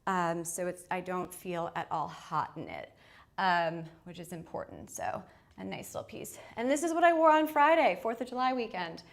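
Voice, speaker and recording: A woman's voice: lowish voice, normal speed, creaky. A woman hosting a live fashion shopping stream, chatting upbeat with many fillers. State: out of breath. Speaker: fashion livestream host. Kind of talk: casual live shopping chat. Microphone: moving away from the mic while changing outfits.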